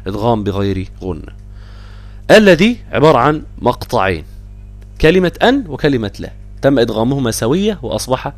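Egyptian male Quran teacher, patient, repeats words, lively intonation, dry close mic. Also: medium pitch, no room sound. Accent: Egyptian Arabic. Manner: explains patiently, repeats words slowly, checks students. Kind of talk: online tajweed lesson.

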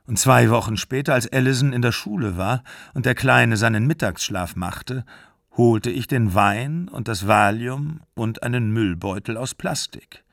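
A man's voice: medium pitch, vocal fry, no room sound, clean studio sound. A man voicing a distraught young mother, speaking in an earnest, pleading way in a literary audiobook reading.

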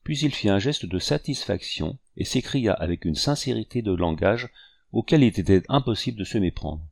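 Un homme qui lit un roman d'aventures, sur un ton de récit mesuré. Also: male voice, fairly low pitch, animated, gravelly, a little mellow, dry recording, studio quality. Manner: measured storytelling. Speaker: audiobook narrator. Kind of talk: scripted narration.

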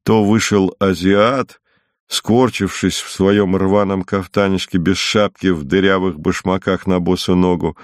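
A man reading classic prose as an audiobook narrator, in a calm, even storytelling manner. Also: low-pitched, measured pace, no room sound, studio quality. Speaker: audiobook reader.

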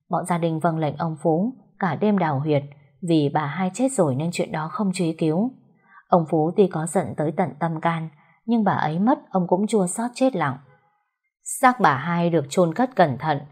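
Husky woman narrator. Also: lowish voice. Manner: steady storytelling. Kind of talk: audio story narration.

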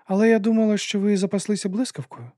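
A man's voice: sits high, flat delivery, fast, dark tone, no room sound, clean studio sound, voice pushed up. A man voicing a cold, inhuman lady who speaks in a hiss. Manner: cold, hissing.

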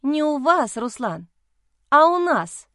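Woman voicing an anxious young heroine, high. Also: very animated, takes it slowly, a bit bright, no echo, studio quality, heavily acted. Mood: exasperated. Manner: anxious, urgent questioning. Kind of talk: audiobook character voice.

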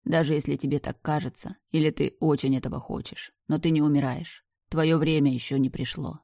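A woman reading the lines of a gentle, protective older brother in an audiobook, soft and reassuring. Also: deep voice, steady tone, brisk, creaky, no echo, studio quality. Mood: tender. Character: gentle protective dead older brother, tender young man.

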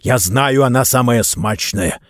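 A man's voice: mid-range voice, measured pace, no echo, clean studio sound, lightly acted. A man doing a crude drunken lout. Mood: yelling. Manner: yelling, crude. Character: drunk, loutish male thug.

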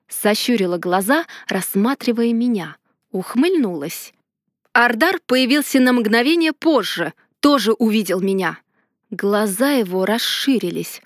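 A woman narrating a first-person fantasy romance, telling it in a lively and expressive way. Her voice sits on the high side. The recording is close and completely dry. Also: no echo. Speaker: audiobook narrator.

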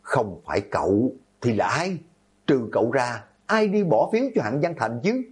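A man voicing a hot-headed teenage schoolboy who yells and curses at his classmates, in a horror audiobook. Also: fairly low pitch, big pitch swings, unhurried, breathy edge, full character voice. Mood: furious. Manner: yelling, cursing.

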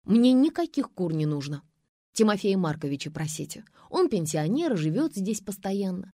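A woman's voice: mid-range voice, sing-song, normal speed, dark tone, no room sound, clean studio sound. A woman reading an audiobook, voicing a tired young woman who grumbles and refuses. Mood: grumpy. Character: young woman, weary and grumpy.

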